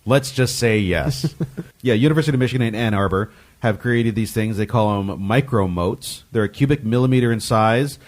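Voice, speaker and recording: A man co-hosting a comedy science podcast, explaining research in a loose, jokey, animated way. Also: lowish voice, brisk. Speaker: podcast co-host. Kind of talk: casual comedic science chat.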